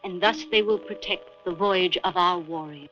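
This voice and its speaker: A solemn ceremonial priestess, dubbed by a woman, low-voiced and hushed. Her lines come slowly and gravely. Clear music plays under a muffled vintage soundtrack. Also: steady tone, close to an everyday voice. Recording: dull old film soundtrack with music.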